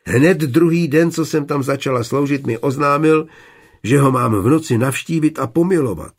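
A man's voice: on the high side, voice pushed up. A man voicing an indignant young servant woman. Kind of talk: audiobook character voice.

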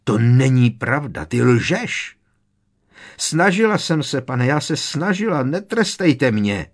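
A man doing Bellatrix, a shrieking dark witch. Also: very animated. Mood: frantic. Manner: taunting, shrill and frantic.

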